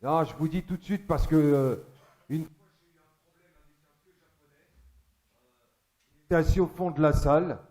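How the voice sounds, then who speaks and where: Brief: male stand-up comic, slightly high voice, crude and chatty, works the crowd. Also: normal speed, pauses often, a little mellow. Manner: chatty, crude, teasing the audience. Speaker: stand-up comedian. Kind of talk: stand-up comedy monologue. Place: theatre stage.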